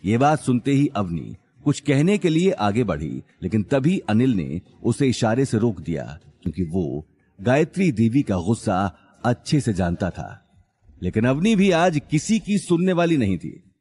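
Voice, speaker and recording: A man narrating a dramatic family story in an expressive audiobook style. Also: mid-range voice, unhurried, breathy edge.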